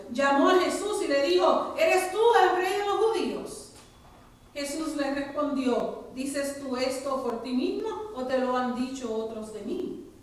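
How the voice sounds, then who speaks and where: Woman reading the bible aloud in church, heavy echo, mic way back from her. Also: sits high. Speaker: scripture reader. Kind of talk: reading scripture aloud at a Good Friday service. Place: church sanctuary. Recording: very echoey church hall, mic far off.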